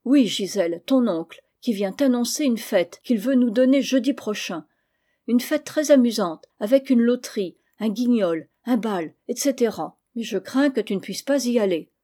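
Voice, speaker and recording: A woman's voice: on the high side, lively intonation, normal speed, dark tone. A woman reading the part of a worried, tender mother who is firm with her child, in an audiobook of a classic novel. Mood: earnest. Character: anxious, tender young mother, easily discouraged.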